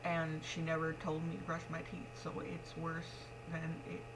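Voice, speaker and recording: A young woman with a slightly low voice chats in a frank, rambling vlog style. She speaks with missing front teeth and keeps a matter-of-fact delivery. The recording has clear background noise and a hum. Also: monotone, a little slow. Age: young adult. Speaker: pregnant vlogger. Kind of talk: casual confessional vlog talk.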